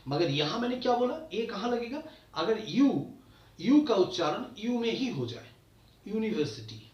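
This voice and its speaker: Lively-pitched teacher in an echoey room. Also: male voice, far from the mic. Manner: explains rules step by step with repeated checks and examples. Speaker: English grammar teacher. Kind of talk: classroom lecture. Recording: echoey room, voice somewhat off-mic.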